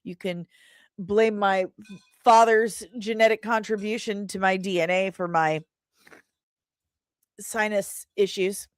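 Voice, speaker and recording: Speaking slowly with long pauses, this woman hosts an entertainment news livestream and banters with her chat, using slang and pet names in a playful, irreverent way. Her mid-range voice is clear and resonant, with fairly even intonation and no room sound.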